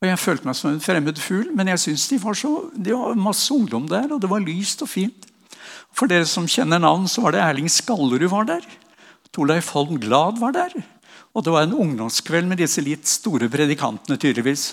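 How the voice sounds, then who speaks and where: An older man from Norway tells his testimony and prays in an earnest, unhurried way. His voice sits a touch high and carries a gravelly edge. The sound rings with a long hall reverb. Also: sing-song. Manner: earnest storytelling, ends in slow prayer. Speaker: preacher. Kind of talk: sermon testimony. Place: church hall.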